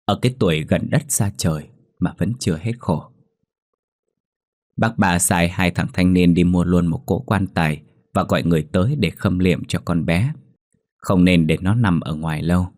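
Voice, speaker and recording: A man narrating a ghost story in a slow, somber, dramatic way. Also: low voice, darkish tone, no room sound, studio quality.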